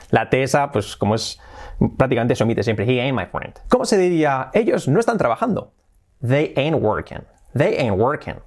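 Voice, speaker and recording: A man teaching English in an online video lesson, talking lively and emphatically and repeating words and example phrases. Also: on the high side. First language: Spanish.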